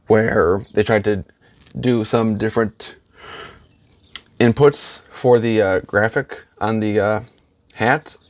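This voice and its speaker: A man giving a casual, opinionated vlog in a grumbling back-in-my-day rant, halting and correcting himself as he goes. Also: fairly low pitch, no echo. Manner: halting, self-correcting, trailing delivery. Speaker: hat collector vlogger.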